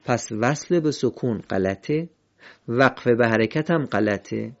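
Gravelly man teaching Quran recitation. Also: mid-range voice, animated. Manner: patient, methodical, chants verses slowly as examples. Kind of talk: explanatory lesson. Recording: dull lo-fi recording.

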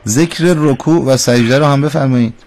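A man's voice: medium pitch, darkish tone, slight background noise. A man hosting a call-in radio lesson, patiently and precisely correcting callers' pronunciation. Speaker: radio Quran recitation teacher.

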